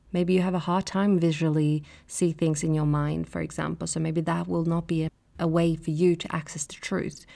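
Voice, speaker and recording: A woman's voice: fairly low pitch, vocal fry, warm tone. A woman hosting a solo spiritual podcast, talking reflectively and asking the listener questions. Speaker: podcast host.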